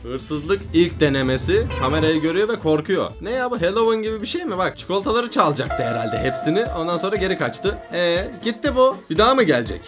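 Lively high-voiced man doing comic reactions. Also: fast, hardly any pauses, over loud music. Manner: joking, teasing the people on screen. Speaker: YouTuber reacting to videos.

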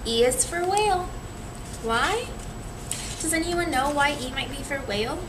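A young woman sits in a chair in a small indoor room, reading a picture book to children like a teacher and asking them questions. Her voice is high and animated, her pace measured. A camera mic a few metres away catches her in a clearly noisy room.

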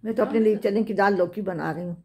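There's a dark tone to this grandmother's medium-pitched voice, and she speaks quickly. Cooking and tidying her kitchen in Pakistan for her vlog, she chats and calls out to the children while dishes and cutlery clatter.

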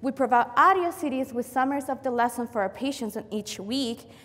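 A woman's voice: high-pitched, fairly quick. Young woman speaking in a reverberant hall. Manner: steady, rehearsed delivery. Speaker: competition speaker. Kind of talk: prepared talk. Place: lecture hall. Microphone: lapel.

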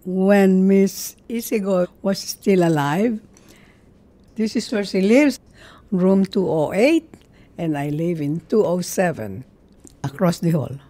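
A woman who lives in a hotel, talking in an interview in a soft-spoken, unhurried way. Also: medium pitch. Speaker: hotel resident.

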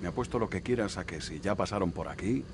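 Terse marine lieutenant, Castilian, noisy background. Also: male voice, low voice, fast. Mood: grim. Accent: Castilian Spanish. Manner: firm, terse. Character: hard-nosed, commanding marine lieutenant. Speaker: video game character. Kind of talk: dramatic game dub acting.

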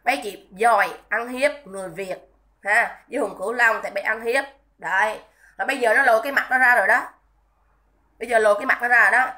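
Woman ranting on a livestream, high bright voice, scolding and indignant, keeps repeating herself. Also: brisk. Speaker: livestream commentator. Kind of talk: livestream rant.

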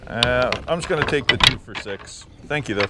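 A man's voice: mid-range voice, lively intonation, normal speed. A man vlogging while shopping at an outdoor flea market, chatting easygoingly and haggling with sellers, recorded on a body-worn camera. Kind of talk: casual chat while bargaining. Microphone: body-worn action camera. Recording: outdoor noise behind voice.

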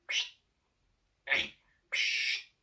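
A man's voice: very high-pitched, wildly swooping pitch, extremely slow, vocal fry, sharp tone. A talking parrot voice, cheeky and foul-mouthed, mimicking a man in short squawky blurted phrases. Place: indoor room, bird in a metal cage. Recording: roomy, distant microphone, faint noise.

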